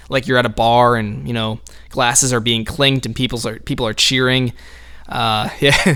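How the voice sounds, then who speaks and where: A man's voice: mid-range voice, a bit bright, clear, resonant tone. A man talking through his own album in casual solo commentary, laid-back and rambling, with frequent light laughs.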